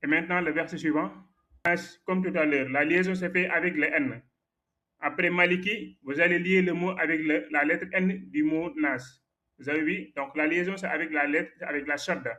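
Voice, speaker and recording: A man's voice: fairly high pitch, steady tone, moderate pace, sharp tone, lo-fi sound. A man teaching a Quran recitation lesson, patiently correcting a student's errors and repeating the right forms, with frequent hesitations.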